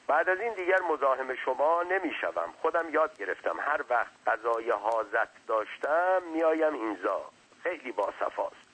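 A man's voice: mid-range voice, expressive, a bit bright, slightly rough, pitched above the performer's own voice, low-quality recording. A man voicing a small, talkative non-human servant who speaks deferentially and lectures at length. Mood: chatty.

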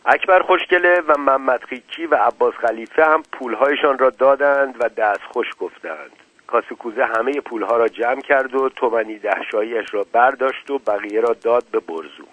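A man reads a novel aloud at a steady, measured pace. His voice sits at an ordinary male pitch. The recording is dry and dull, like an older lo-fi audiobook. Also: no room sound. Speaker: audiobook narrator. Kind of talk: scripted novel narration.

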